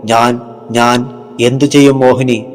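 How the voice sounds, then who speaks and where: A man's voice: medium pitch, little pitch movement, takes it slowly, long reverb tail, soft background music, lightly acted. A man voicing a frightened young brahmin who stammers fearfully, in a horror storybook reading.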